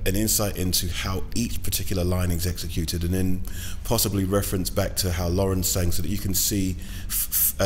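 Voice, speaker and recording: A British man coaching singing, breaking down a performance line by line in a measured way, with frequent pauses and short sung examples. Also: low-pitched, a little hiss or hum. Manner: measured, many "um"s, sings short demo phrases. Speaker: vocal coach. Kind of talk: singing lesson analysis.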